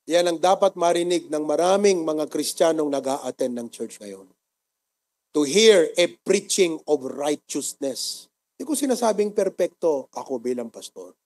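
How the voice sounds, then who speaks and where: A man with a Filipino accent, a pastor preaching a sermon and telling a story, mixing two languages, with loud bursts and quiet asides. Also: on the high side. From Philippines. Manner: storytelling, mixing Tagalog and English, lively bursts then soft asides.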